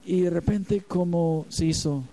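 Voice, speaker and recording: A man's voice: fairly high pitch, fairly even intonation, unhurried, dark tone, rough recording. A man preaching as a pastor, telling a personal story and acting out the voices in it. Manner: storytelling, acts out quoted voices. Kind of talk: sermon.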